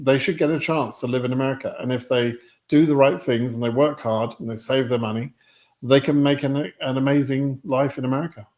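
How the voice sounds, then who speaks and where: A man's voice: mid-range voice, fairly even intonation, brisk, a little mellow. British man in his sixties, plainspoken. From United Kingdom. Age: 60s. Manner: rambling, frequent ums and restarts, frank and plainspoken. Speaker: immigration lottery advisor hosting a live stream. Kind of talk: live stream Q&A, reading viewer questions.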